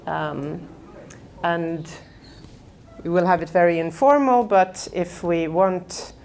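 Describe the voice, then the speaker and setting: A woman hosting an event, opening it with slow, halting speech full of fillers. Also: lowish voice, a little mellow. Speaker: host. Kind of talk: casual event introduction.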